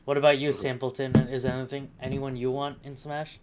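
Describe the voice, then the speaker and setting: Chatty podcast host, middle-pitched. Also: little pitch movement, fairly quick, loud music behind the voice. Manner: chatty, laughs often, leads the talk. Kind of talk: casual chat.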